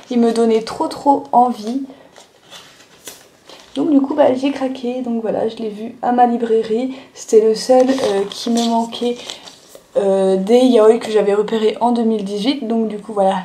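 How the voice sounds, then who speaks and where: Young woman rambling about her manga haul, high voice but soft and mellow, lots of filler words. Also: slight background noise. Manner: chatty, lots of "euh" and "du coup" fillers. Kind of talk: casual haul video chat.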